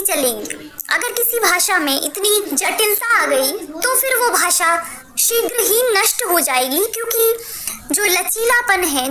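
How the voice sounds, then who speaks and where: A woman teacher giving a measured, patient spoken lesson, often repeating her phrases. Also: very high voice. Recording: clear background noise with clicks.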